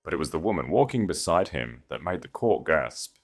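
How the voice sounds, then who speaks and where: In a very deep voice, a man narrates scripted dramatic fiction with measured, solemn delivery and theatrically weighted phrasing. His reading has a sing-song lilt, and faint music plays behind him.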